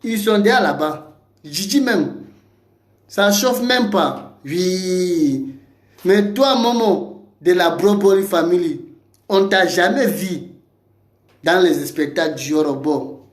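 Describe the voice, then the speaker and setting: A man from Cameroon delivers a slow, drawn-out video rant aimed at a rival, taunting and challenging him again and again. His voice sits a bit high for a man. The recording carries a roomy echo. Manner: taunting, combative, repeats insults and challenges. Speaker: online commentator. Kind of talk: ranting video message.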